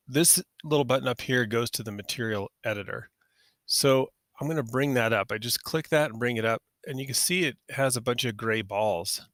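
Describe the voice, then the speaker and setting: A man teaching 3D software in a casual, step-by-step screen tutorial, talking through each click and correcting himself as he goes. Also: mid-range voice, dry recording, clean studio sound. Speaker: software instructor.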